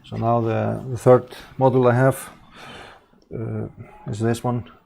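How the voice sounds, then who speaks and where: Icelandic guy streaming, low mellow gravelly voice, keeps chuckling and fixing his words. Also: flat delivery, slight background noise. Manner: halting, self-correcting, chuckles often. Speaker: livestreaming painter. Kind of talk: casual live-stream commentary.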